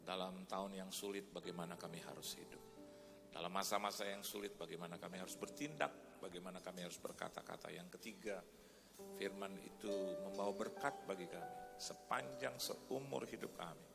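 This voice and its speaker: A man preaching as a pastor, telling a story in animated sermon style and then leading a prayer. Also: low-pitched, normal speed, gravelly, over music. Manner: animated storytelling, shouting greetings in quoted voices. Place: large church hall. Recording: reverberant church hall, faint noise.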